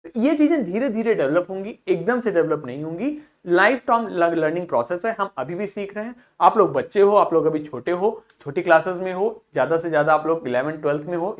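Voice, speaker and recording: A woman's voice: lowish voice, animated, brisk. A woman teaching English pronunciation in an online class, speaking patiently and often repeating key points.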